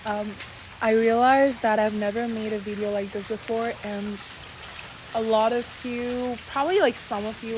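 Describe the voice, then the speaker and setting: A woman's voice: on the high side, background noise. A woman in her twenties who grew up in Saudi Arabia, chatting in a casual, confiding vlog with many fillers. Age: 20s. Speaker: content creator.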